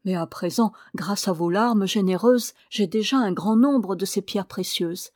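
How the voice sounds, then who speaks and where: A woman's voice: medium pitch, measured pace, darkish tone, no echo, studio quality, lightly acted. A woman voicing a lovesick young man, weak from illness but hopeful, who speaks in a pleading, eager way.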